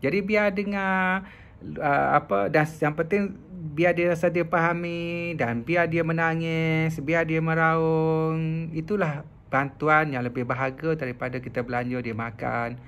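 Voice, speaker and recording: A man's voice: a little high, steady tone, a little slow, a bit bright, dull audio. A man, a professor talking casually about mental health and telling stories with frequent filler sounds. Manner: chatty, storytelling with filler sounds. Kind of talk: casual explanatory talk.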